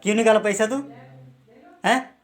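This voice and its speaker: A man's voice: sits high, fairly even intonation, moderate pace. A man angrily interrogating and scolding people indoors, repeatedly barking "huh?" and issuing demands. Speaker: man confronting suspected thieves. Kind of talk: heated interrogation. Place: rented room, indoors.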